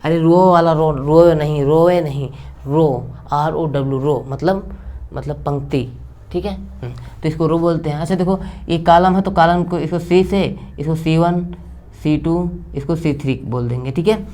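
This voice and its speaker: A man's voice: a little high, steady tone, normal speed, warm tone. A young male math teacher giving a casual lesson at the board. He talks in a chatty, repetitive way, keeps checking that his students are following, and slips in jokes. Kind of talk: casual blackboard math lecture.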